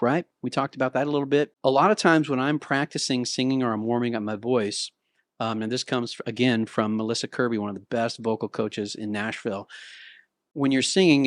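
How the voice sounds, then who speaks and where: A middle-aged male vocal coach talks straight to the viewer in a relaxed, chatty way, dropping in quick sung vocal warm-ups. His voice sits at an ordinary male pitch and is recorded close and dry, with no room around it. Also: no room sound. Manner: casual, conversational, with sung demonstrations. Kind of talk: talking-to-camera singing lesson. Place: Nashville.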